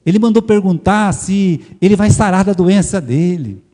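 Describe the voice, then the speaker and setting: A Brazilian pastor preaching from the pulpit, with a dark, mellow tone and a slightly high voice. His delivery moves between loud emphatic bursts and quiet asides to his listeners. Long church reverb trails every phrase. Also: expressive, moderate pace. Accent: Brazilian Portuguese. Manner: dramatic storytelling, swings between loud emphasis and hushed asides; addresses the congregation as brothers. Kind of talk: sermon.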